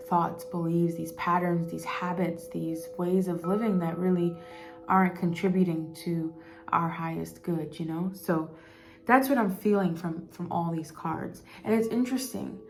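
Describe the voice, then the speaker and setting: A woman with a somewhat low voice gives a casual spiritual card reading. Her tone is mellow and soft, and she meanders, repeating words as she thinks aloud. Faint music plays in the background. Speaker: intuitive card reader.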